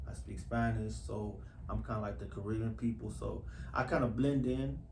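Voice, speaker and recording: An actor from Houston, US, speaks casually and earnestly in an interview, repeating phrases for emphasis. His lowish voice is steady, mellow and slightly fried at normal speed, recorded in an echoey room with faint background noise.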